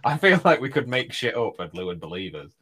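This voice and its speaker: A man, a guest co-host in casual podcast chat, jokey, swearing and quick to laugh. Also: medium pitch, sing-song, fairly bright tone, breathy edge.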